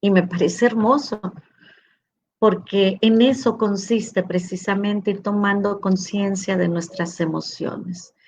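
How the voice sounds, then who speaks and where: A middle-aged woman, a school rector, giving a slow heartfelt talk on emotions, telling anecdotes and acting out quoted dialogue. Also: mid-range voice, fairly even intonation, a little mellow, slight background noise. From northwestern Mexico. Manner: tender, acts out quoted dialogue.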